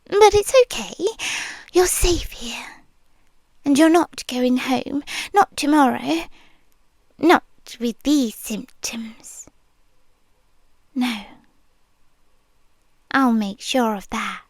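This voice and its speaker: A British ASMR roleplay performer with a high-pitched, lively voice plays a possessive nurse, soft and controlling. She whispers slowly and intimately, as if close to the ear, in a coaxing mood, and the recording is dry.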